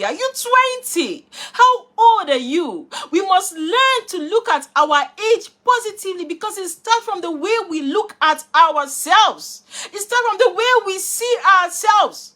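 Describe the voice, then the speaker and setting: A woman's voice: extremely high pitch, big pitch swings, a little slow, hardly any pauses, sharp tone. A woman giving an emphatic motivational talk, repeating rhetorical questions to her listeners. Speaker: motivational speaker. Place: live online session, replayed.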